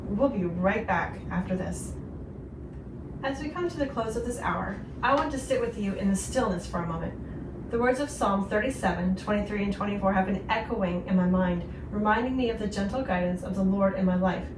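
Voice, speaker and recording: A woman with a medium-pitched voice speaks at normal speed while hosting devotional radio alongside a co-host. She sounds earnest and gently encouraging. The recording is clearly noisy, distant and full of roomy echo.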